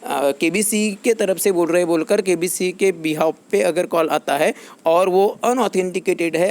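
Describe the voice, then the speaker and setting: A YouTube channel host gives an informal explainer for his viewers, wordy and often repeating himself. His voice sits high and sounds gravelly yet a little mellow.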